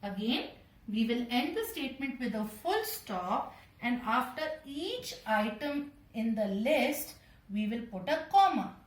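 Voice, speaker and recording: A woman's voice: on the high side, sing-song, a little slow, distant mic. A woman with an Indian English accent, a primary school teacher patiently explaining punctuation to young children. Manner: patient, addresses children directly. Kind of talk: slow classroom explanation. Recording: echoey room, voice from off-mic.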